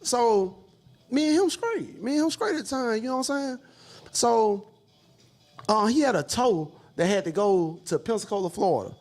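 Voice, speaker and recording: A man telling a story in casual talk, profane and animated, repeating "you know what I'm saying". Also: sits high, normal speed. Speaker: storyteller guest.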